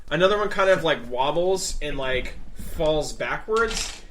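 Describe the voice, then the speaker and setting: A man's voice: fairly high pitch, expressive, measured pace, a bit bright, slight background noise. A man casually narrating a tabletop role-playing game as game master.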